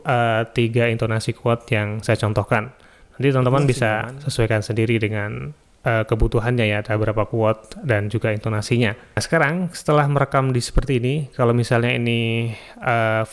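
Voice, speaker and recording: A man hosting a screen-recorded software tutorial, explaining each step calmly and adding "ya" and "eh" often, recorded on a studio microphone. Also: medium pitch. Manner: relaxed step-by-step explaining with frequent "ya" and "eh". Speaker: YouTube tutorial host. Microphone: studio mic through an audio interface.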